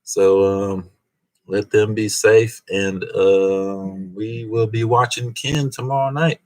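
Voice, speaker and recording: A man's voice: on the low side, fairly even intonation, slow. A man hosting a casual live stream, reading viewer comments aloud and chuckling in a laid-back way. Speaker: host of a car channel live stream.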